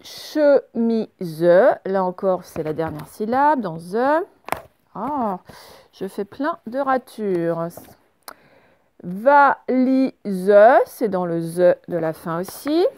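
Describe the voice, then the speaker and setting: A woman gives a reading lesson to young children, saying words slowly and clearly and spelling out sounds. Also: on the low side, expressive, dark tone. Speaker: teacher.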